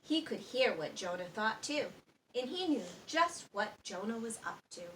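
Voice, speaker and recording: A woman reads a children's story aloud with lots of expression, adding sound effects and asking her listeners questions. Her fairly high voice is very animated and a bit bright, moving at normal speed. The distant microphone picks up an echoey room and faint background noise.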